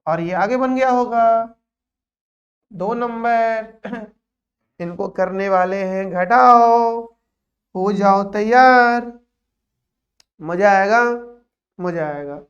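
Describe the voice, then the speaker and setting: A male math teacher talks his class through problems at an unhurried pace, breaking off for teasing jokes. His voice is captured in a dull, lo-fi recording. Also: sits high. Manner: playful, teasing asides between calculations. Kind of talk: classroom lecture.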